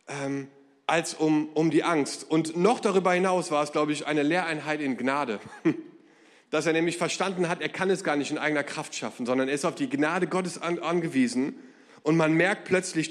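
A man with a high voice delivers a sermon in a relaxed, conversational style, slipping in jokes. His words carry a long echo, as in a large church hall. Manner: lively, humorous, conversational preaching. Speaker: pastor.

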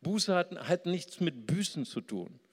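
A man preaching a sermon as pastor, lively and storytelling, slowing down to stress key words. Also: high voice, breathy edge, big-room sound.

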